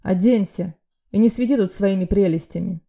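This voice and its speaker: A woman voicing a blunt male friend and security man who shouts and barks his lines. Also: medium pitch, fairly quick, pitched above the performer's own voice, natural voice. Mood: shouting. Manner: shouting, barking.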